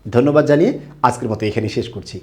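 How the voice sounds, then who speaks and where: A man's voice: medium pitch, lively intonation, very fast. A young man from Bangladesh teaching a grammar lesson, asking the class questions and answering them himself.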